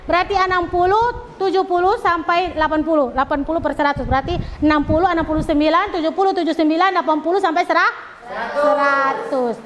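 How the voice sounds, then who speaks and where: A woman's voice: very high voice, quick pace, long reverb tail, slight background noise. A woman teacher giving directions to her class, checking often that students are ready. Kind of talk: classroom instruction.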